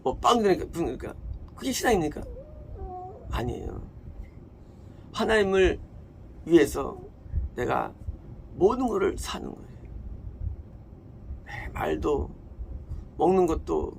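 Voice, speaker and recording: A man's voice: a little high, big pitch swings, unhurried, gravelly, long pauses, darkish tone, a little hiss or hum. A man preaching a sermon as a pastor, emphatic, asking questions and answering them himself. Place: church.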